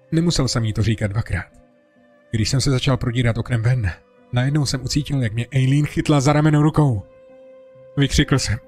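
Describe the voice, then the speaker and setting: A man reading a first-person horror story in a steady, dramatic way over a music bed. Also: mid-range voice. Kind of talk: scripted horror narration.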